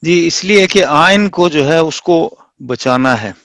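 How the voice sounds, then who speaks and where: A man's voice: on the high side, expressive, fairly bright tone, dry recording. A man with a Pakistani Urdu accent, a student in a recitation class, giving brief polite answers and reading a rule aloud carefully.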